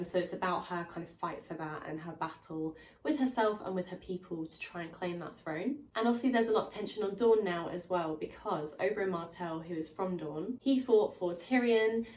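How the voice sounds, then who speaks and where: A woman speaks a little fast with few pauses in a lowish, slightly mellow voice, recorded from a distance in a reverberant room on poor audio. She runs a channel and is reviewing a book to camera in a loose, spoiler-filled way, sounding a touch nasal and blocked up from a cold that has hung on. Chatty throughout, she recaps the plot with frequent "um" and "kind of."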